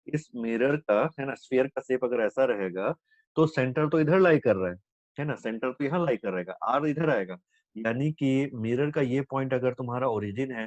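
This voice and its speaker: Hindi physics teacher asking and answering himself. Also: male voice, medium pitch, no room sound. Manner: repeats "है ना" constantly, asks and answers own questions; mixes English terms into Hindi. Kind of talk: explaining problems on a board. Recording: dull lo-fi dry recording.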